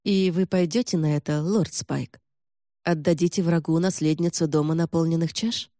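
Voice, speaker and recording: A defiant young noblewoman from a fantasy audiobook, as read by a man, firing sharp, accusing questions at an old ally. The voice is dark and mellow, recorded close and dry with no room sound. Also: fairly high pitch, fairly even intonation, normal speed, dry recording, lightly acted.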